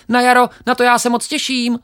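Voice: medium pitch, completely flat delivery, fairly bright tone, clear, resonant tone, pitched above the performer's own voice, natural voice. A reader voicing a small, boastful male sparrow in a children's story, who chirps a nonsense refrain and repeats himself. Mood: chirpy.

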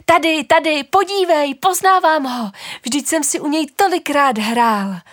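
A woman voicing an eager small village boy in a storybook reading, exclaiming excitedly. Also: sits high, dry recording, studio quality, pitched above the performer's own voice, natural voice. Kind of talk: storybook narration.

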